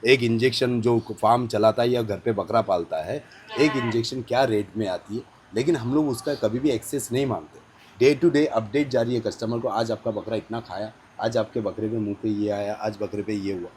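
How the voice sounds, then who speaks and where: Emphatic Indian farm owner. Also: male voice, lowish voice, moderate pace, darkish tone, slight background noise. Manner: emphatic, insistent, speaks in short clipped phrases. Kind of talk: casual interview on a farm. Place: outdoor goat farm.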